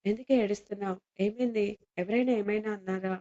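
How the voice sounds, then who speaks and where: Woman reading as a young newlywed husband, coaxing, pleading, mellow voice, muffled audio. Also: mid-range voice, steady tone, quick pace, natural voice. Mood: worried.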